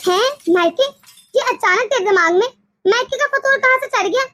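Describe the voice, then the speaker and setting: A woman's voice: very high-pitched, lively intonation, moderate pace, bright, forceful tone, heavily acted. A woman voicing a bossy, controlling middle-aged mother-in-law in a cartoon, with a grumbling, scolding manner. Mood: suspicious. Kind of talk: cartoon voice acting.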